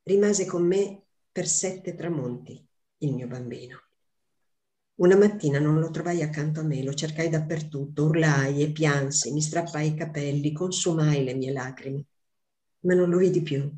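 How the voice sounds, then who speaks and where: A woman reading aloud as a young mother grieving her lost newborn, in a slow, measured literary reading. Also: deep voice, dark tone, natural voice. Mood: sorrowful.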